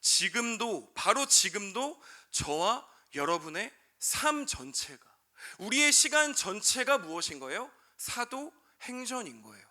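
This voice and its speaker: A young man in his twenties preaching a sermon to high school students as a youth pastor. He keeps calling out to his listeners and asks questions that he answers himself. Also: sing-song, measured pace, pushed and bright.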